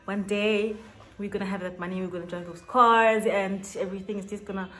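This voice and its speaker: This YouTuber, a South African woman in her late twenties, speaks briskly in a steady, medium-pitched voice with a slightly bright tone. She's chatting to camera in a casual get-to-know-me vlog from a small indoor room with shelves. She often laughs and stretches out words to stress them.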